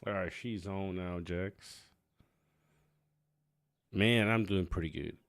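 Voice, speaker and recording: A man's voice: low voice, takes it slowly, fairly bright tone, dry recording. A man hosting a casual game livestream, chatty and muttering to himself as he sets things up. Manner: chatty, talks to himself while setting up. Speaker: game streamer host.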